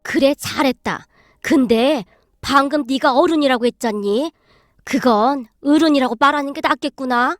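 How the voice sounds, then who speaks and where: A woman voicing a stern old grandmother-in-law who drills her family in scolding, with slow, drawn-out commands. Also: sits high, no room sound, clean studio sound, natural voice.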